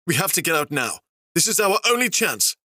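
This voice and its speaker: A man's voice: fairly high pitch, very animated, fairly quick, bright, forceful tone, no room sound, clean studio sound, voice pushed up, full character voice. A man voicing a tough, protective male ranger who talks in urgent, raised bursts.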